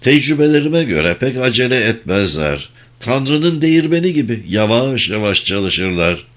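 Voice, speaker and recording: A man reading a calm, firm lawyer. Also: mid-range voice, close to an everyday voice. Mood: measured. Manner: measured, patient, explanatory. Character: calm, firm middle-aged male lawyer executor. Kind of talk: audiobook character reading.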